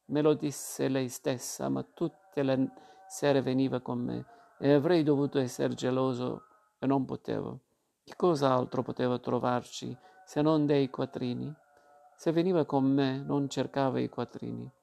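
Gravelly man reading a novel aloud. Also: medium pitch. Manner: calm, measured first-person reading. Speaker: audiobook narrator. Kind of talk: literary audiobook reading.

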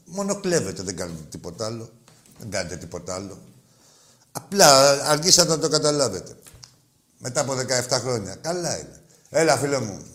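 A man hosting a sports call-in radio show, mocking and insulting his callers, swinging between loud outbursts and muttered asides. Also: mid-range voice, sing-song. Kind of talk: rowdy call-in radio banter.

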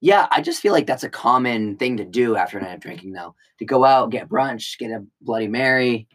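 A man's voice: medium pitch, lively intonation. Joking young male co-host. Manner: joking, quick asides and banter. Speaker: podcast co-host. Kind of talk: casual chat.

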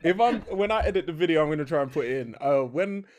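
A man's voice: fairly high pitch, expressive, fast talker, a little mellow. A young man hosting a podcast, chatting casually, rambling and correcting himself, laughing often. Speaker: podcast host. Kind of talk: casual chat.

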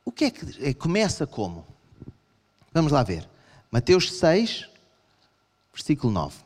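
Man, european portuguese accent, preacher, lively swooping pitch, slightly high voice, long church reverb. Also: a little slow. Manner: animated, acts out voices of the congregation in raised pitch. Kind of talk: sermon.

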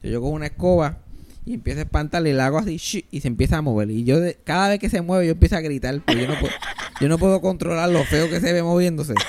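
A man's voice: fairly high pitch, quick pace, background noise. A young man in his twenties with a Puerto Rican accent, telling a story casually, acting out voices and screams. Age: 20s. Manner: animated, acts out voices and screams.

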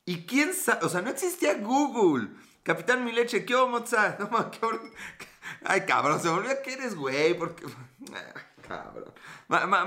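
Mexican man in his thirties, live-stream host, bright and slightly high voice, cracks profane jokes. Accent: Mexican Spanish. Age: 30s. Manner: joking, profane, reads out chat comments. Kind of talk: casual live-stream chat.

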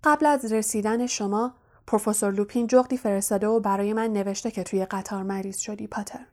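A woman voicing a strict female school professor who speaks in a dry, brisk way in an audiobook. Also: mid-range voice, steady tone, close to an everyday voice. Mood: stern.

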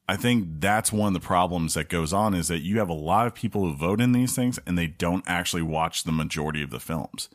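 A man co-hosting a casual podcast, talking loosely with lots of filler words. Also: low voice. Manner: loose, rambling with many "like" fillers. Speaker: podcast co-host.

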